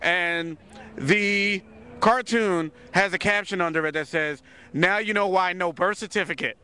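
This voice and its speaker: A man's voice: high-pitched, a little slow, sharp tone, slight background noise. A man hosting a casual talk show recorded outdoors in a city park, loose and repeating words as he thinks. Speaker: host.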